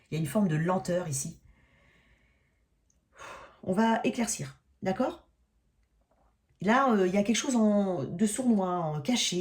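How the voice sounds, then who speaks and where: A woman, a tarot reader, speaks with a fairly low voice. Her tone is mellow and dark. She talks in a casual, halting way, restarting phrases and tagging them with "hein" as she reads the cards. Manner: hesitant, many restarts and tag "hein". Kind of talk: casual tarot reading to camera.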